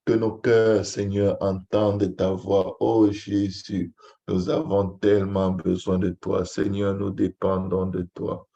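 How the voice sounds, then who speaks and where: A pastor with a deep, dark, mellow and creaky voice leads a fervent Pentecostal prayer, speaking slowly on a fairly flat tone. He pleads through repetitive, chant-like invocations, and the recording sounds a little dull and lo-fi.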